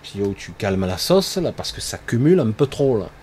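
A man's voice: fairly low pitch, sing-song, a little fast, a little mellow, slight background noise. A man giving a loose spoken monologue on spiritual growth, rambling with lots of fillers and tag words. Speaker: spiritual speaker.

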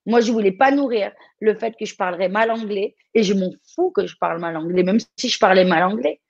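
A woman's voice: mid-range voice, a little fast, gravelly, a little mellow, no room sound, lo-fi sound. French woman coaching, direct and encouraging. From France. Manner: direct, encouraging, many restarts. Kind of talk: live coaching session.

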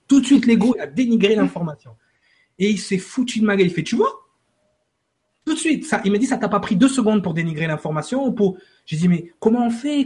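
Man telling a story, acting out dialogue. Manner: lively, acts out dialogue, repeats "j'ai dit"; drops lower and quieter when emotional. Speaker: guest telling a personal story. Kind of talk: casual spoken storytelling.

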